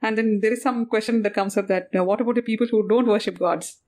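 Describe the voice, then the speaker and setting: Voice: medium pitch, fairly even intonation, quick pace, a little mellow. A podcast co-host chatting casually about a book, hesitant and full of "uh" and "you know". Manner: chatty and laughing, with hesitant fillers.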